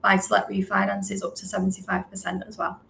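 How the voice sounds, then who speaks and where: A woman who works in business development at a lender talks very quickly with frequent fillers as she presents on a webinar and answers questions over a video call. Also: medium pitch, level tone, vocal fry, a bit bright, slight background noise, poor audio. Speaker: finance business development manager.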